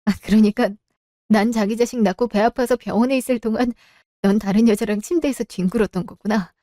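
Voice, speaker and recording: A woman acting in a radio drama, confronting in a sharp, cold way. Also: fairly high pitch, fairly even intonation, brisk, no room sound, studio quality. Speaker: voice actor.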